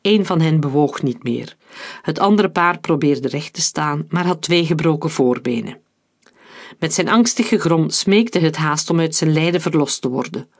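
A man narrating an adventure novel as an audiobook in a calm, steady reading. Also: fairly high pitch. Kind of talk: scripted narration.

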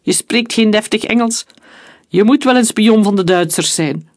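A narrator voicing an angry male dock worker who shouts accusations at a suspected spy, in a story reading. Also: medium pitch, normal speed, no echo, clean studio sound, pitched above the performer's own voice, close to an everyday voice. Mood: accusing.

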